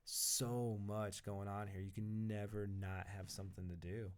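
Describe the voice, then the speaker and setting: A man's voice: lowish voice, flat delivery, a little slow, clear, resonant tone. A man in a casual podcast conversation, rambling, laughing often and swearing now and then. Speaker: podcast guest or co-host. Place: indoor podcast recording in Colorado.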